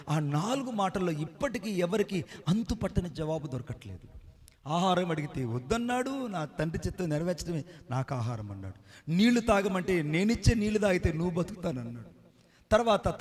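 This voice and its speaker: High-voiced preacher quizzing his congregation. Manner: rhetorical questions to the congregation; acts out quoted dialogue. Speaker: pastor. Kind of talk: sermon.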